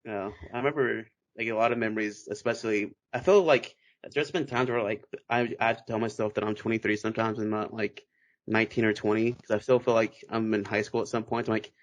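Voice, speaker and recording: A man's voice: fairly low pitch, fairly even intonation, fairly quick. A man in his twenties from Texas, hosting a casual podcast chat and laughing often. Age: 20s. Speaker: podcast host.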